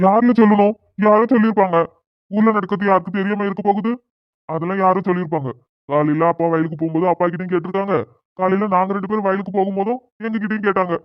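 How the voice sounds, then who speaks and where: A man's voice: sits high, level tone, rapid-fire, dry recording, natural voice. A man voicing a scolding middle-aged father who presses his son with questions in a cartoon, with a thin, phone-like sound. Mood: insistent. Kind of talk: cartoon voice acting. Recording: dry, phone-like narrow sound.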